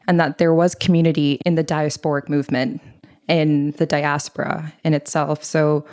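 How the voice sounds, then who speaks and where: A young woman from Thailand answers interview questions in an earnest, thoughtful way. Her voice sits low for a woman, and she talks in a conversational flow with an occasional "like". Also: darkish tone. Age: 20s. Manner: earnest, reflective, with many likes. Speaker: guest, literary editor.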